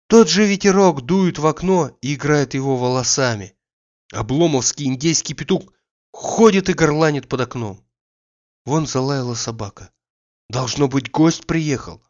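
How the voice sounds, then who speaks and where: A man narrating a classic novel in an audiobook, with measured, even storytelling, in a slightly dull recording. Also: mid-range voice.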